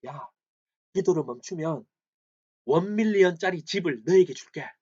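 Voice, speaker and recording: A pastor voicing Satan as a sly male tempter, speaking low and hushed in a coaxing way, on a slightly dull recording. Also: lively intonation, normal speed.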